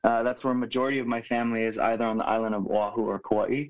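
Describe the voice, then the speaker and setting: Man in his twenties from Hawaii, earnest podcast guest, average pitch, dull remote-call audio. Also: flat delivery, clean tone. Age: 20s. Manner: earnest, reflective, with frequent "um" pauses. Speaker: youth pastor, podcast guest. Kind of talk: casual conversational storytelling.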